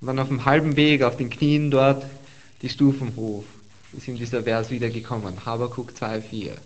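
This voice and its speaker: An earnest man preaching a sermon at a mid-range pitch, reading scripture aloud and leaning on key words by repeating them. The recording sounds slightly dull and lo-fi. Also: steady tone, normal speed.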